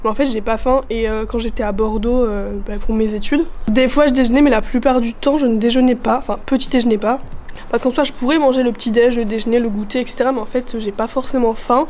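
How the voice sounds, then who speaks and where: A woman's voice: on the high side, fairly even intonation, quick pace, a little mellow, slight background noise. A young woman in her twenties chatting in a casual vlog, her voice worn from a chest cold, upbeat and full of fillers. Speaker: vlogger. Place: at home, partly out on a terrace.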